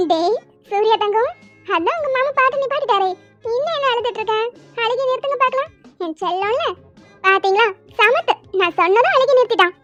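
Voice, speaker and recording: Woman doing a very high teasing young aunt. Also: lively intonation, fast talker, a bit bright, faint music behind. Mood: doting. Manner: teasing, scolding. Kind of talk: cartoon voice acting. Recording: dull dry lo-fi recording.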